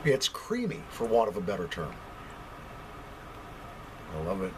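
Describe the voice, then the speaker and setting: American guy doing a casual vlog review, really animated pitch, emphatic, bit of background noise. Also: measured pace. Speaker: pipe tobacco reviewer. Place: basement.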